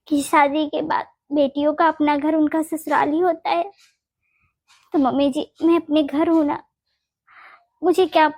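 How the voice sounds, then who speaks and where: Neelam, a gentle pleading daughter-in-law, as a woman voices her. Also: sits high, no echo. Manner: soft pleading, keeps saying "mummy ji". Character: young married daughter-in-law, gentle, tearful, eager to please. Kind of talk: Hindi cartoon voice acting.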